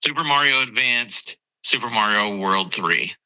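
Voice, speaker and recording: Sharp-voiced man on speakerphone. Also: mid-range voice, expressive, measured pace, low-quality recording. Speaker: podcast co-host. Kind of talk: casual chat.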